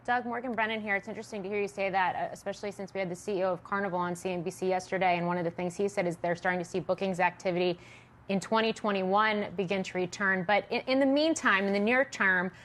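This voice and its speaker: American woman news anchor, medium pitch. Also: fairly even intonation, quick pace, fairly bright tone. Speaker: television business news anchor. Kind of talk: news interview questioning.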